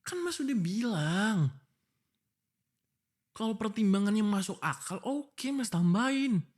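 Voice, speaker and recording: In a boyfriend ASMR roleplay told as a one-sided dialogue, a man voices an exasperated, protective young fiancé quarreling before his wedding. Annoyed and suspicious, he pleads and scolds informally, his high-sitting voice very animated and heavily acted. He takes his time rather than rushing.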